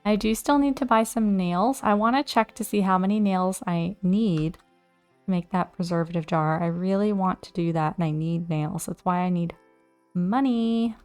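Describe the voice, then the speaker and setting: A woman hosting a let's play, chatting casually to herself as she plays, and easily excited. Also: on the low side, normal speed, soft background music. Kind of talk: casual gameplay commentary.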